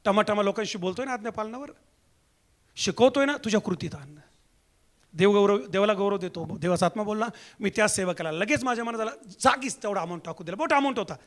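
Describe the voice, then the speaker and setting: A male pastor preaching a fervent sermon in repeated rhythmic calls to the congregation, swinging between hushed and shouted lines. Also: high-pitched, quick pace.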